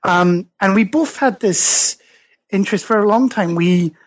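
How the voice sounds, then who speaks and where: A Scottish guest author and researcher, interviewed on a podcast, explains his research thoughtfully at a measured pace. His male voice sits high, and he uses many fillers and restarts.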